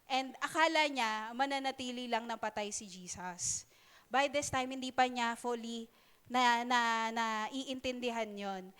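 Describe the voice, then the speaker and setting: A young woman gives a chatty sermon with a high, smooth voice. She talks in a halting, casual way, full of fillers, and now and then breaks into playful asides. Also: a bit bright. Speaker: preacher. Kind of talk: sermon in Taglish.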